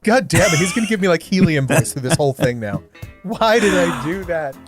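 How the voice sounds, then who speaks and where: A man's voice: a little high, animated, a little fast, music in the background. A man co-hosting a podcast who teases his partner in a playful way and laughs easily. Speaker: podcast co-host. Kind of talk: casual podcast chat.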